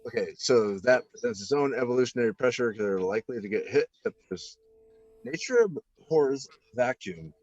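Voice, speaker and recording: A man's voice: mid-range voice, darkish tone, no room sound, faint music behind. Rambling man, dry lo-fi sound. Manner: halting, full of fillers and restarts. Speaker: panelist. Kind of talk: rambling deadpan comedic banter.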